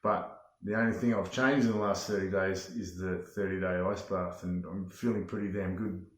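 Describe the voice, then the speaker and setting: A man's voice: low voice, fairly even intonation, normal speed. A man giving a casual, plain-spoken testimonial, feeling his way through his phrases a little hesitantly. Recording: echoey room.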